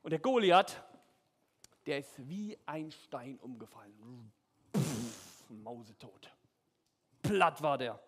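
A man telling a Bible story to children in character, playful and animated, speaking straight to them. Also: medium pitch, takes it slowly, pauses often, slightly rough. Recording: echoey hall.

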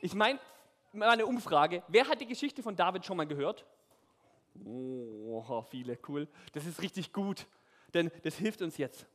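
Ein Mann mit schwäbischem Akzent erzählt Kindern verspielt und mitreißend eine Bibelgeschichte aus der Sicht einer Figur. Seine Stimme liegt hoch und springt lebhaft, und alles hallt lang im großen Raum nach. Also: male voice, fairly high pitch, unhurried. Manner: animated, playful, addressing children directly. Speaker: children's storyteller. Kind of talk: in-character Bible storytelling to children. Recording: echoey hall.

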